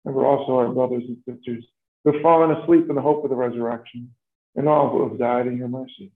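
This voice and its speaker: A man as a priest leading Mass prayers in a measured, formal way, with a cathedral echo. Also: medium pitch, fairly even intonation. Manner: measured, formal liturgical delivery. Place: large church. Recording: echoey church, tinny lo-fi sound.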